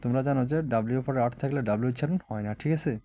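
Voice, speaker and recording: A man's voice: medium pitch, very fast, dark tone. A man teaching English verb forms, repeating word lists aloud and checking in with students. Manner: repetitive chanting of word lists, frequent "all right?" checks. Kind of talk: classroom lesson, drilling verb forms aloud.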